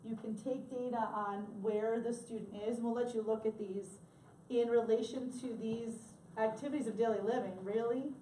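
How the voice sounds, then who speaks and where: A woman's voice: fairly high pitch, steady tone, normal speed, warm tone, a little hiss or hum. A woman presenting an assistive technology workshop, conversational and chatty with fillers. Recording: echoey room, mic far off, faint ambience.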